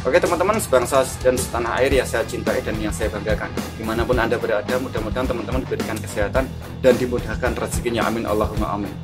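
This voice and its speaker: A man's voice: medium pitch, fast. A man hosting a reaction video, giving a formal introduction with many greetings. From Indonesia. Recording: loud guitar music behind.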